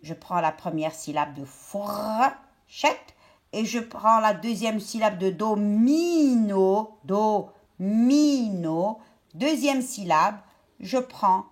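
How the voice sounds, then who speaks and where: A woman teacher talking young pupils through a worksheet step by step, stretching out each word slowly. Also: high voice. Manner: slow, step-by-step, drawn-out words for young pupils. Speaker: primary school teacher. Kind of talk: remote lesson explaining a worksheet.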